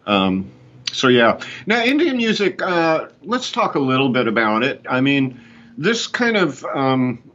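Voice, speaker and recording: Over a video call from home, a man in his 60s, a musician who co-hosts, talks casually and spins stories into a headset. His mid-range voice moves at a measured pace, lively and chatty with frequent laughter, and the sound is lo-fi.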